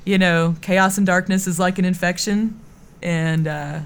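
Speaking at a measured pace in a lowish, steady voice, this middle-aged singer from Texas rambles earnestly and effusively through a relaxed radio interview as the guest. Her Texan accent comes through, and faint hiss or hum sits under the audio.

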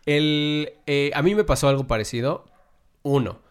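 A man's voice: a little high, moderate pace, smooth. A man with a Mexican accent, co-hosting a podcast, who rambles, jokes and cuts in with his own thoughts. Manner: rambling, joking, interrupts. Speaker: podcast co-host. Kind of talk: casual chat.

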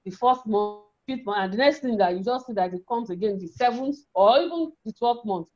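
A woman's voice: a little high, expressive, fairly quick, darkish tone. A woman with a feminine voice giving an explanatory health talk as an educator, often repeating and rephrasing her points. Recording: dull, lo-fi sound.

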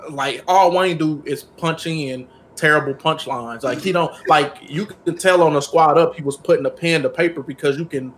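A man's voice: a little high, moderate pace, few pauses, a bit bright, a little hiss or hum. A man co-hosting a casual podcast chat, telling stories bluntly and with lots of profanity. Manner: blunt, profane, emphatic storyteller. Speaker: podcast co-host.

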